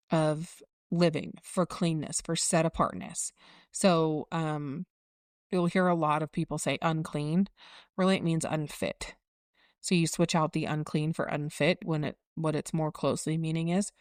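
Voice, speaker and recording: A woman's voice: low-pitched, darkish tone, no echo, clean studio sound. A woman in her forties co-hosting a casual faith podcast, reflective and explaining things in a teaching tone. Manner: reflective, circling back, teaching tone. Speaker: podcast co-host.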